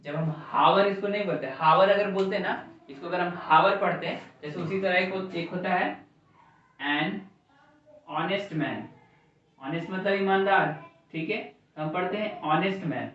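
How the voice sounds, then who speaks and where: A man's voice: high-pitched, measured pace, fairly bright tone. Man teaching grammar in an echoey classroom. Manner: asks the class questions and repeats answers. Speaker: English teacher. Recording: echoey classroom from far off, dull.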